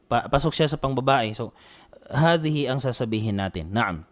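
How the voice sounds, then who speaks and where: A man teaching an online Arabic grammar lesson. He is patient, repeats his points often, keeps checking in with students, and slows down to say each Arabic phrase clearly. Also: medium pitch, animated.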